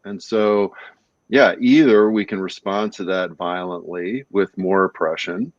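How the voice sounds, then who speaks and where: Low-voiced man, thoughtful podcast co-host. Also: fairly even intonation, unhurried, no echo, muffled recording. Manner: thoughtful, often checks in with "right?". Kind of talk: casual discussion.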